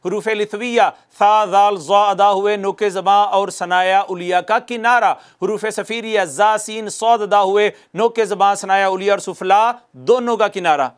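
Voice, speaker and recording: A man with a fairly high voice teaches a recitation lesson for television. He talks patiently and repeats himself, asks the viewer questions and answers them. When he demonstrates a sound, he slows right down. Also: fairly even intonation, clean tone. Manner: patient, repeats key points and quizzes the viewer.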